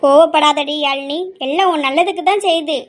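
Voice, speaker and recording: A woman voicing a worried middle-aged mother who pleads slowly and sometimes scolds. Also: sits high, close to an everyday voice. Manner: slow, pleading, scolding at times. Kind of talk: amateur family drama.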